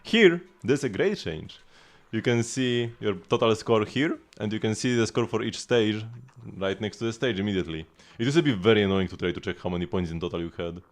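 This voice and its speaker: A man's voice: on the low side, expressive, fairly quick. A man livestreaming a video game, chatting casually and explaining team strategy in a rambling way with frequent restarts.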